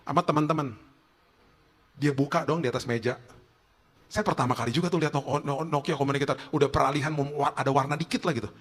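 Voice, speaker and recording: A middle-aged male pastor tells funny stories from the pulpit in a bright, animated way. His voice sits fairly high for a man and jumps around as he jokes in casual slang. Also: quick pace. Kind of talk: humorous storytelling sermon.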